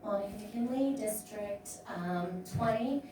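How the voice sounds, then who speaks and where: A woman's voice: medium pitch, a little slow, background noise. A woman in her fifties giving brief public testimony at a hearing, hesitant with many ums. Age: 50s. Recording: echoey hearing room from far off.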